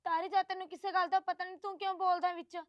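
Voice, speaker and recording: A very high-voiced young wife, played by a woman, pleading and insistent. The sound is dry and close, with no room around it, in a short family drama. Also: level tone, rapid-fire, no echo, muffled recording. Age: young adult.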